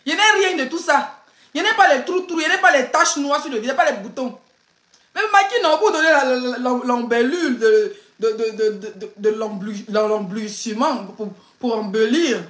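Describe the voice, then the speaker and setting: High-voiced woman streaming live. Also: expressive, normal speed, a bit bright. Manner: chatty, laughing, teasing and ranting. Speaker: blogger and influencer. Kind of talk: casual live stream chat. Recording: roomy echo.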